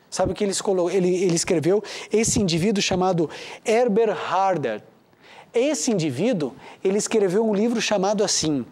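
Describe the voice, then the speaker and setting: A man's voice: high voice, a little mellow. A Brazilian man, a theologian and educator, addressing viewers in a preaching style, emphatic and full of rhetorical questions. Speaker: theologian and educator giving advice.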